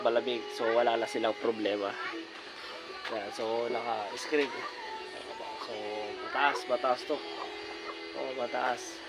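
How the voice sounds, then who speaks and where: Outdoors in a yard beside a large bird cage, a vlogger with a cold shows off his birds, speaking casually and directly to viewers at an ordinary middle pitch while repeating the same filler words. It's recorded on a phone with poor audio and music playing underneath.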